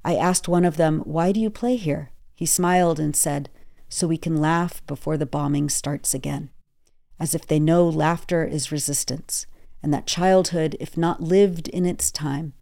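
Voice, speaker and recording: A woman hosting a newscast, reading quoted accounts in a measured, earnest way. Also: deep voice, steady tone, gravelly, mellow. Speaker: news host. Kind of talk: scripted news narration.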